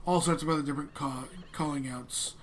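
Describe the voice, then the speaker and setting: Higher-voiced man narrating haltingly as game master. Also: steady tone. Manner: halting, conversational, hedging. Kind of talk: improvised tabletop game narration. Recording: clearly noisy room.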